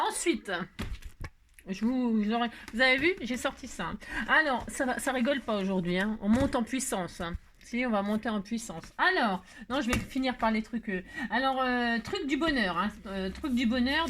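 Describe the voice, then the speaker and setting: A woman's voice: on the high side, animated, normal speed, a bit bright, a little hiss or hum. A woman chatting casually to her viewers, rambling and joking with many fillers. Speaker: crafting vlogger.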